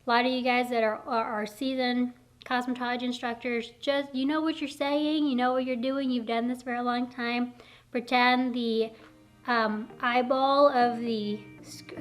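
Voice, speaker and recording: A woman cosmetology teacher chats straight into the camera, rambling and self-deprecating as she encourages others. Her voice sits a little high, and she sounds a bit out of breath. It is recorded indoors on the camera's own mic. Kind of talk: casual talk to camera. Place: indoors, warm room. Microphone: camera mic, speaking to lens.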